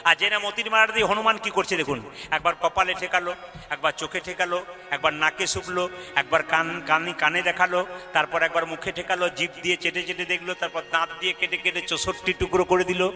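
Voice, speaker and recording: A kirtan singer tells a devotional story, speaking straight to the women in the audience, asking them to answer aloud and acting out the figures' voices. His voice is high-pitched, steady, bright and forceful, a little fast, with a long reverb tail.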